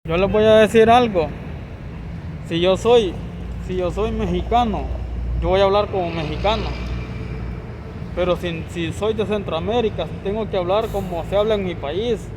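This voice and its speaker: A man's voice: high-pitched, moderate pace, long pauses, noisy background. A young Honduran man with a Honduran Spanish accent, giving an insistent, repetitive opinion rant to camera as a vlogger, recorded outdoors by a street.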